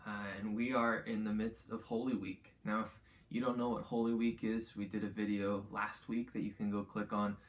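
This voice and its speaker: Male youth pastor with a lowish voice; casual, earnest preaching in a conversational register, leaning on repetition. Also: flat delivery, moderate pace. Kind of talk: informal youth sermon.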